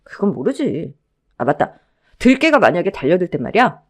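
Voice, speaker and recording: A woman voicing a young husband who patiently explains how to survive wild animals, calm and protective. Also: lowish voice, brisk. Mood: instructive. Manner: patient, instructive.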